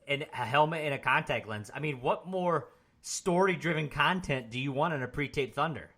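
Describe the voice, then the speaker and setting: A man with a bright, clear-edged voice co-hosts a casual wrestling podcast. He recaps scenes loosely, piling on fillers as he goes. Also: a little high, normal speed. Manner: relaxed, rambling recap with frequent fillers. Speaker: podcast co-host.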